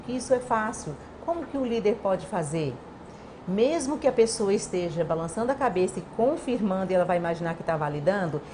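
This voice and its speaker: Woman, interview guest, animated explainer, acts out quotes, faint noise behind. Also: mid-range voice. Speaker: guest communication expert.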